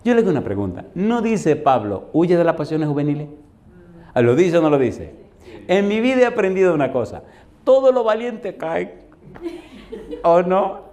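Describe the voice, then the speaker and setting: Man in his fifties, Dominican accent, pastor, lively sermon, folksy and animated. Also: moderate pace, pauses often. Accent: Dominican Spanish. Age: 50s. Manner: animated, laughs often, acts out dialogue with pitch jumps; colloquial, addresses listeners as "compadre".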